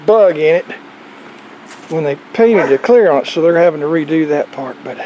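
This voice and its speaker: A man's voice: a little high, expressive, moderate pace, lo-fi sound, background noise. A man giving a casual, rambling video update on his motorcycle project, talking in a folksy, plain-spoken way outdoors. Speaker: motorcycle vlogger. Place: outdoors on a farm.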